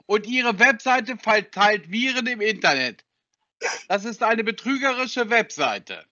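An indignant man on a phone call who accuses the caller and complains that she is shouting. His voice is very bright and sharp and swings widely in pitch, heard through a dry, dull, lo-fi recording. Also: lively intonation, a little slow, no room sound. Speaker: employee on the call.

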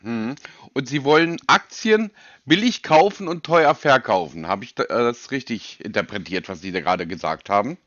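A man's voice: medium pitch, animated, normal speed, a bit bright, dry recording. A man with a native German accent, questioning bluntly and pedantically as a customer on a phone call. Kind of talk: probing phone conversation. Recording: dull, lo-fi phone audio.

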